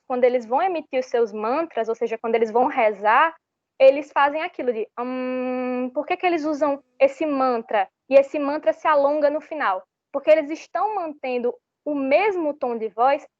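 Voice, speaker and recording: A young Brazilian woman with a high-sitting voice gives an online public speaking workshop, explaining step by step and often restarting her phrases. The recording is dry, slightly muffled and dull.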